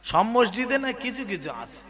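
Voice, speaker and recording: A man preaching a sermon, chanting in a melodic way that swings between soft talk and crying shouts. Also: extremely high pitch, big pitch swings, normal speed. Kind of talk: sung Bengali sermon.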